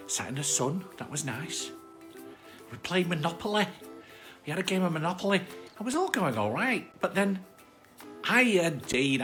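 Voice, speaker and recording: The host of a children's live story show voices a friendly, chatty British armadillo puppet, a long-suffering bedtime storyteller, in a full character voice that swoops. It's a casual children's livestream chat, cosy and repetitive, in a voice on the high side and a bit bright.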